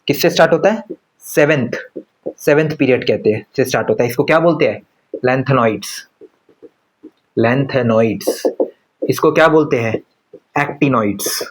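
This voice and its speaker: A man teaching chemistry in a casual lecture style. He talks conversationally and keeps firing quick questions at students, then answers them himself. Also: mid-range voice, slightly rough, poor audio. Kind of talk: classroom lecture.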